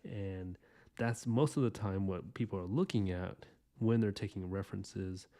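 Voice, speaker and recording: A man in his thirties with a low, mellow voice gives a casual drawing tutorial while he sketches. He rambles in a relaxed, chatty way, restarting his sentences as he goes. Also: a little slow. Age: 30s. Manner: rambling, loose and chatty, lots of fillers and restarts. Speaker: artist hosting a drawing podcast.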